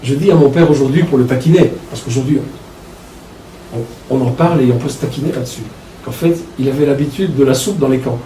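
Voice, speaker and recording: A man in his sixties from Belgium, an author recounting his childhood in a reflective, halting way. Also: mid-range voice, warm tone, a little hiss or hum. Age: 60s. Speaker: author talking about his book. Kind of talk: personal storytelling talk. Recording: echoey room from a distance.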